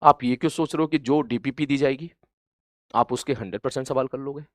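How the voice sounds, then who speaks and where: A man teaching students in an earnest, gently scolding motivational talk, repeating points for emphasis and rising loud and high when he urges them on. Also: a little fast, no room sound, studio quality. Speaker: coaching teacher.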